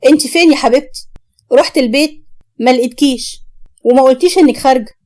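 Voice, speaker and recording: A woman's voice: sits high, fast talker, warm tone, lightly acted. A woman with an Egyptian accent voicing a young husband who scolds impatiently. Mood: worried. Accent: Egyptian Arabic.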